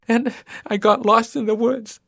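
A man's voice: very high-pitched, fairly even intonation, measured pace, gravelly, a bit bright, breathy edge, no room sound, studio quality, pitched above the performer's own voice, full character voice. A man voicing a scared lost boy in a storybook tale, pleading and stumbling over his words. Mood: pleading frightened.

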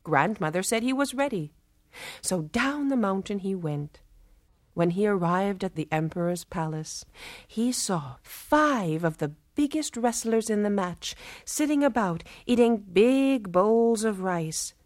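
A woman telling a folktale in a measured, lilting, rhythmic way. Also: medium pitch, animated, no echo, clean studio sound. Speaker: storyteller. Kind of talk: expressive folktale narration.

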